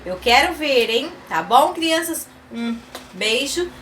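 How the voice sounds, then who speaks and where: A woman teacher with a Brazilian Portuguese accent, giving a recorded literacy lesson to young children and sounding out letters and syllables slowly. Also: high-pitched, very animated, fairly bright tone, slight background noise. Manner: slow, sing-song, sounding out letters and syllables. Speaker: kindergarten teacher.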